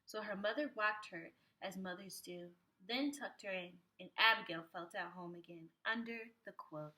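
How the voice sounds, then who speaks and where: A woman reads a picture book to young children the way a preschool teacher would, her phrasing lively and expressive. Her voice sits in the middle range and she keeps a moderate pace.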